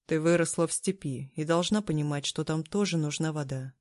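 A woman voicing a weary, stoic immortal man who speaks tersely and dryly, with a quiet, slightly mocking manner. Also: sits low, a little fast, no room sound, studio quality, lightly acted. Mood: calm.

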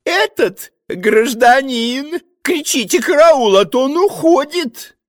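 A man voicing a fawning, sly male choirmaster who wheezes and eggs people on in a high voice. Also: lively intonation, slow pace, dry recording, clean studio sound, heavily acted. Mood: eager. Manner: high wheezy wheedling shouts.

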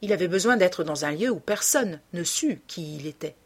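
A woman narrating a classic novel as an audiobook in a slow, measured way. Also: on the low side, expressive.

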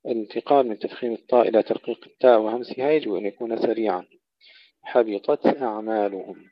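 A man gives a Quran recitation lesson. He chants verses slowly and melodically, then explains pronunciation points at a quicker clip. The audio sounds dull and lo-fi, with a dry, close feel. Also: medium pitch, no echo. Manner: alternates slow melodic recitation with brisk explanation.

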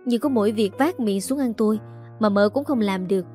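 A woman's voice: medium pitch, fairly quick, warm tone, faint music behind, lightly acted. A woman reading the lines of a young housemaid who complains rudely and then stammers apologies. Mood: sulky. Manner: sulky, then stammering and pleading. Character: rude young female housemaid.

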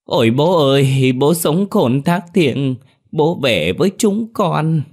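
A man narrating a story voicing a younger son who cries out in loud, exaggerated mourning. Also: on the high side, big pitch swings, takes it slowly, voice pushed up, exaggerated voice. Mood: wailing. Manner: over-the-top crying lament.

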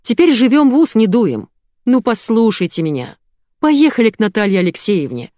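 A woman voicing a burly male bodyguard with a hoarse bass voice, coaxing his old boss. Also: sing-song, normal speed, mellow, dry recording, clean studio sound. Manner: coaxing, persuasive.

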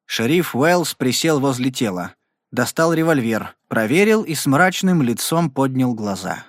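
A man narrating an audiobook in an even storytelling manner. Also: mid-range voice, measured pace, no room sound, studio quality. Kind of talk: scripted narration.

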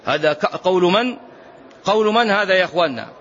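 A man's voice: high-pitched, expressive, fairly quick, a bit bright, slight background noise. A man delivering a religious lesson as a lecturer, speaking emphatically, asking rhetorical questions and repeating key phrases. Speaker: Islamic lecturer. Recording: dull lo-fi lecture recording.

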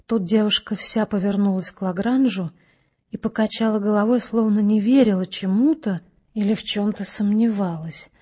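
Female audiobook narrator, measured and expressive, with a dark, husky voice. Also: mid-range voice.

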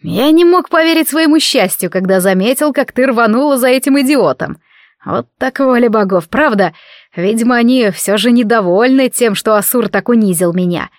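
A woman voicing a hateful, hysterical male theologian villain, with a nasal tone and hissing, drawn-out threats, in an audiobook reading. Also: on the high side, expressive, dry recording, clean studio sound, lightly acted. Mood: gloating. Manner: hissing, snarling, dragged-out threats.

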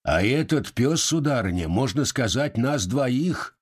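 A man reading an audiobook voices a poor old organ-grinder who talks humbly and haltingly but with dignity, in a husky voice. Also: mid-range voice, animated, voice pushed up. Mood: dignified.

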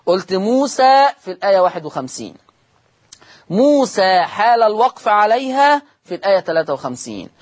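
A man with an Egyptian accent giving a recitation lesson on TV. He repeats each rule several times, slowly and with emphasis, and asks the students questions before he answers them. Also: high voice, very animated. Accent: Egyptian Arabic. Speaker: Quran recitation teacher.

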